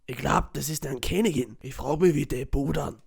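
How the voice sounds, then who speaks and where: A man's voice: fairly high pitch, moderate pace, creaky, darkish tone, breathy edge. A man with an Austrian accent voicing a big, dim-witted, childish alien brute in a parody fan dub. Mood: crude. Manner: whiny, nagging, crude.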